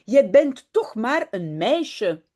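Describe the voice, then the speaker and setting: A woman's voice: a little high, very animated, slow, darkish tone, exaggerated voice. A woman doing a squealing little boy. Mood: teasing. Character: small excited boy, startled and indignant. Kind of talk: storybook reading.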